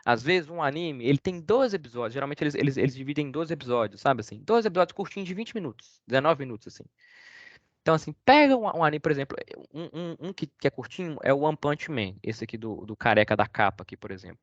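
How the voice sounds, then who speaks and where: A man's voice: on the high side, lively intonation, fast talker, no echo. Hesitant Brazilian man on a dull call. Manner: hesitant, rambling, many fillers and restarts. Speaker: guest speaker. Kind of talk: casual online talk with Q&A. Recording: dull, dry lo-fi call audio.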